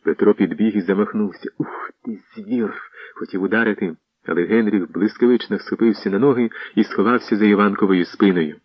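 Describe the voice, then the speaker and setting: Low-voiced male radio storyteller. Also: fairly even intonation, fast talker, no echo, muffled recording. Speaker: narrator. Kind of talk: scripted narration.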